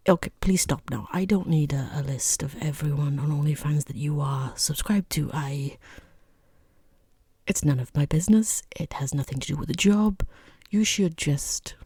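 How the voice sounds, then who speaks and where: In a soft-spoken, half-whispered ASMR roleplay, a woman plays a rude, condescending female boss interviewing a job applicant with dry, sarcastic politeness. Her voice is low-pitched and slightly rough, and she sounds exasperated. There's no echo.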